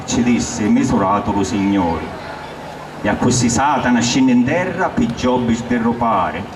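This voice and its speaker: A man with a Sicilian accent gives a live recitation of dialect poetry in a declamatory, storytelling way. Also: medium pitch. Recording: roomy echo, distant mic, clear background noise.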